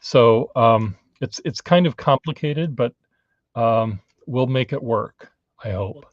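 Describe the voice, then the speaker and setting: A man in his fifties hosting a casual livestream from a cluttered home studio, talking haltingly with many fillers. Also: mid-range voice, no room sound. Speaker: livestream host. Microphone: webcam on a video call. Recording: dull lo-fi, dry.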